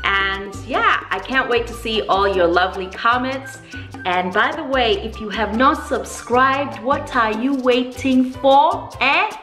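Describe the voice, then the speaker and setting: A middle-aged woman hosts a casual family vlog from her home dining room and kitchen, music playing in the background. Her voice is fairly high, a bit bright, and a little slow, and she playfully stretches and repeats words for emphasis.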